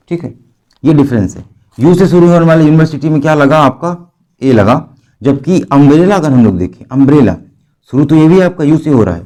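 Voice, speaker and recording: A man's voice: medium pitch, mellow. A male teacher giving an exam-prep grammar lesson, asking the class rhetorical questions and spelling words out letter by letter.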